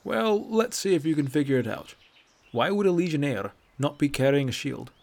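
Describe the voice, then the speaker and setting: A man's voice: fairly high pitch, expressive, moderate pace, creaky, darkish tone, voice pushed up. Man doing a wry old Nord traveler. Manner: dry, wry, lecturing. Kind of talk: audiobook character voice.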